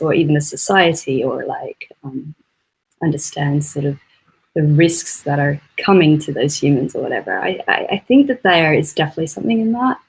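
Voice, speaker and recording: A woman's voice: deep voice, husky, low-quality recording. A woman moderating a casual panel discussion, chatty, with frequent "like" and "sort of".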